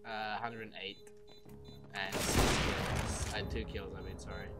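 A man's voice: fairly low pitch, level tone, measured pace, loud music behind the voice. A man trash-talking his teammates in game voice chat, crude and mocking. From not from the UK. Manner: taunting, crude and loud when laughing. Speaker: gamer in team voice chat.

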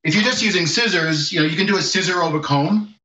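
A man in his forties walks viewers through a home haircut, his voice bright and a little high, chuckling between easy instructions. He comes through a distant camera in a roomy home space, and the call audio sounds dull and lo-fi. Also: quick pace, faint music behind. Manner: laughs often, easygoing instructions. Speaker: barber giving a haircut lesson. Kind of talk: casual how-to demonstration over video call. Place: home room with sloped ceiling. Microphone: video call from far camera.

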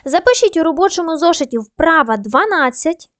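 A woman teaching young pupils in a recorded lesson, with a high voice. The sound is close and dry, without any room echo. She takes them through each syllable and letter calmly and clearly. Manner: clear, patient, slow spelling out of sounds and syllables. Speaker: primary school teacher. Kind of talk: video lesson for children.

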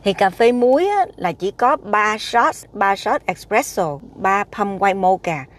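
A woman's voice: medium pitch, lively intonation, a little slow. A woman, chatting emphatically to a dashboard camera while sitting in a parked car. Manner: chatty, emphatic, repeats "các bạn". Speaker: food vlogger. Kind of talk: casual chat to camera.

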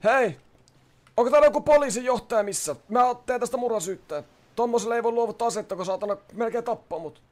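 A man playing a brash, foul-mouthed young criminal in a game roleplay, loud and frantic, swearing and threatening. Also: very high voice. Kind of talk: GTA roleplay, in-character shouting and swearing.

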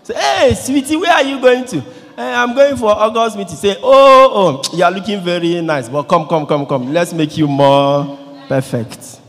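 A man with a Nigerian English accent preaches from a church ambo, his voice sitting a little high for a man. He shifts between loud bursts and quiet, low stretches and acts out little scenes. A long reverb from the large church trails each phrase. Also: normal speed. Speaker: priest. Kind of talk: lively sermon. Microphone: handheld microphone.

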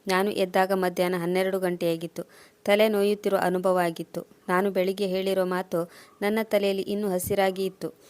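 A woman reads a scripted first-person story at a steady, even pace. Her voice stays flat and level, sitting at an ordinary pitch. The recording is close and completely dry, with no room echo. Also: fairly quick.

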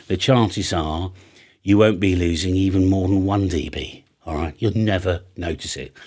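In a low, darkish voice, an older British presenter of radio hobby videos gives an unscripted tutorial, talking bluntly and chattily while thinking out loud. He sits in his home music studio beside a drum kit, close to a big studio microphone on an arm.

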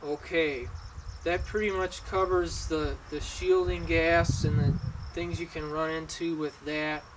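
A young welding instructor explains welding safety and technique outdoors at an open garage door, in a halting manner full of ums, pauses and restarts. His voice is a little high and level, picked up by a camera mic from a few steps away, with faint crickets and insect noise in the background of this casual how-to demonstration.

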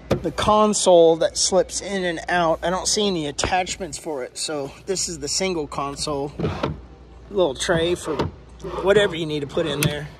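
A man casually filming a first-person walkthrough vlog in a large indoor boat showroom, talking in an excited, exclaiming, chatty way. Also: sits high, a little hiss or hum. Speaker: fishing vlogger touring a boat.

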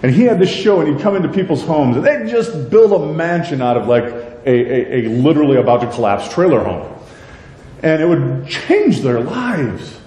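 Preaching at a moderate pace, this deep-voiced, middle-aged pastor sounds warm and mellow, his lively delivery swinging up and down. The sermon is conversational and self-deprecating, packed with rhetorical questions. Distant miking in the reverberant church hall adds echo, plus a light rumble underneath.

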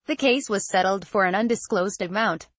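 A woman narrating a news report in a steady, scripted read. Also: mid-range voice, normal speed, dry recording.

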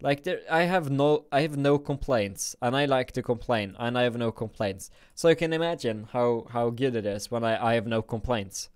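A young man from Norway, thinking aloud and grumbling playfully while live-streaming a game at his home computer on a boom-arm desk mic. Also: moderate pace, few pauses, smooth. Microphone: desk microphone on a boom arm.

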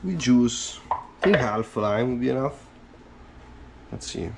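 With a head-mounted camera giving a first-person view, an unhurried man talks casually through his cooking in a small home kitchen, chopping and mixing as he goes. He has a mid-range voice against a noisy background.

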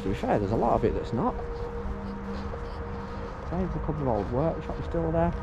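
A man vlogs while exploring an abandoned site outdoors, thinking aloud in chatty walking commentary and often calling out "guys" to his viewers. His slightly high voice swings widely in pitch at a normal speed. Background music plays and the recording is muffled.

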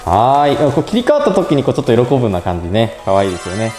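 A young man talks quickly through a phone app demonstration, thinking aloud as he narrates each step. His voice is mellow and lively, and it rings in an echoey room over faint music. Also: mid-range voice. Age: young adult. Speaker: presenter of a robot pet channel.

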